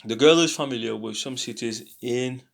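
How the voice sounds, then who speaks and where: A tired man teaching a casual language lesson, halting with many fillers and repeats. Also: medium pitch, gravelly, a bit bright. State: tired, yawning.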